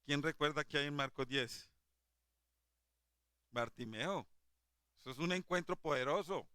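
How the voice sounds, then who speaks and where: A man delivers a Sunday sermon in a bright, forceful voice that rings smooth and clear. He swings from fervent, emphatic exhortation to hushed tenderness when quoting Jesus. The sound is dry and close, with no room around it. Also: a little high, measured pace, no room sound. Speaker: lay preacher.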